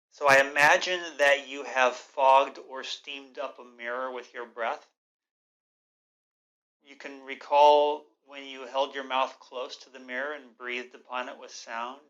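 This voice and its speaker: A man giving an instructional yoga breathing lesson in a measured, explanatory, gently instructive way. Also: medium pitch, highs cut off.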